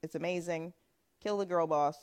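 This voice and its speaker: Chatty woman podcast host, low-pitched. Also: moderate pace, a little mellow, clean tone. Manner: chatty, frequent fillers and laughs. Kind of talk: casual conversation.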